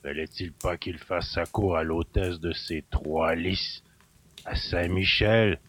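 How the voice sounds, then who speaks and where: An actor playing a gruff, suspicious country innkeeper who grumbles in rustic speech. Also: male voice, steady tone, slow pace, a bit bright, heavily acted. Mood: grumbling. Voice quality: gravelly, low and husky. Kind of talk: audio drama acting.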